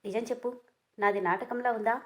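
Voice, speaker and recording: Casual teasing young guy, read by a woman, pushy and playful, pitched up. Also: steady tone, fairly quick, lightly acted. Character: young man, teasing persistent lover.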